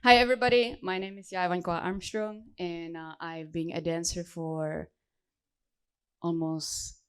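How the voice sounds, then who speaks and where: A woman speaking earnestly as a panelist, listing her work in an unhurried way. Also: on the low side, steady tone, clear, resonant tone. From Czech Republic. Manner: earnest, unhurried, trailing lists. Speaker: panelist, dancer and coach. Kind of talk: panel self-introduction. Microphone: handheld mic.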